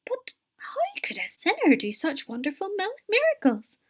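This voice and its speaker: A woman's voice: very high voice, wildly swooping pitch, normal speed, pitched above the performer's own voice, full character voice. A woman voicing suspicious temple leaders who mutter and question in a children's Bible story. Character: doubting, grumbling temple leaders.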